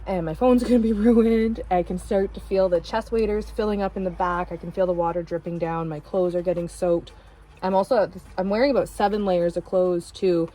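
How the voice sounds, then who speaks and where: A woman's voice: on the low side, fairly even intonation, brisk, mellow, rough recording. A woman co-hosting a kayaking vlog, telling in vivid detail how she fell into a river. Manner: vivid, detailed retelling of a mishap. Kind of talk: casual storytelling.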